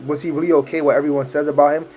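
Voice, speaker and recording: Excited slangy man, slightly high voice. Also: rapid-fire, dull audio, soft background music. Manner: excited, slangy, many fillers. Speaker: anime reaction creator. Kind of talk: casual manga chapter breakdown.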